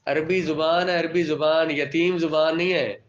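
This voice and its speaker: A man with a fairly high voice teaches a class, reading out terms from an old text and explaining each in simple words. He often asks a question and answers it himself. The recording sounds dull and lo-fi. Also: steady tone. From Pakistan. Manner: reads Arabic terms, then explains each in plain everyday words. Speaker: religious studies teacher.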